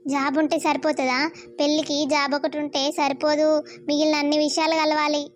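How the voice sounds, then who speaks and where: A woman's voice: high voice, little pitch movement, a little hiss or hum, lightly acted. A woman voicing a scolding village mother. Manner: scolding, reproachful, rapid. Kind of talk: cartoon voice acting.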